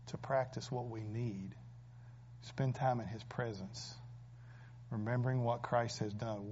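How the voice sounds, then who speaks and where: A male pastor preaching a sermon, rising from quiet reflection to loud, urgent appeals. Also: mid-range voice, muffled recording, slight background noise.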